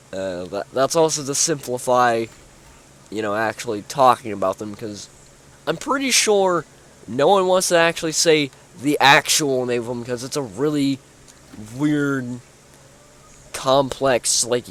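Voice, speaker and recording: A man's voice: medium pitch, a bit bright, slight background noise. A young man giving casual, rambling commentary while touring his own build in a video game, full of fillers and restarts, sounding sleepy. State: sleepy, yawning. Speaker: gaming YouTuber. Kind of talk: casual gameplay walkthrough commentary.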